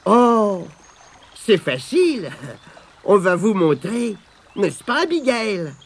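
A man voicing a good-natured, gentle young boy in a storybook reading. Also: high voice, very animated, slow, pitched above the performer's own voice, full character voice. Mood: cheerful. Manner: gentle, friendly.

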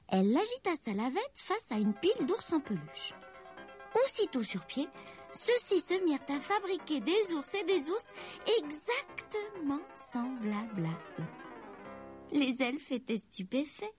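A woman reads a children's Christmas story slowly, her high voice rising and falling a great deal. The voice is soft and a little breathy, recorded dry and close, with faint music underneath. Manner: slow, expressive reading with gentle dips in pitch. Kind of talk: children's story read aloud.

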